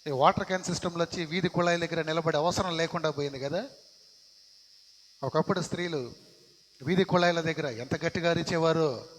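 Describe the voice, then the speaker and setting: High-voiced man preaching in an echoing church. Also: a little fast, pauses often, a little hiss or hum. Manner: emphatic, repeats phrases for stress. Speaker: pastor. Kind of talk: sermon. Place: church sanctuary. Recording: long reverb of a church hall.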